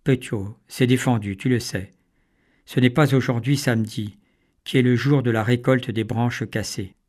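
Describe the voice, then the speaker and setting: A gentle, pious peasant mother, sick in bed, as a male reader puts her on. She speaks softly and tenderly at a mid pitch. A storybook character. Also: fairly even intonation, moderate pace, close to an everyday voice.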